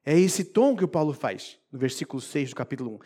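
Male preacher, high-pitched, expressive sermon delivery, hushed to emphatic. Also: fast, slightly rough.

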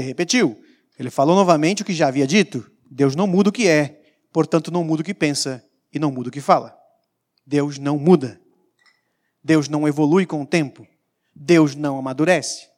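A man preaching a sermon as pastor, emphatic, with sudden loud peaks and quiet asides. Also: a little high.

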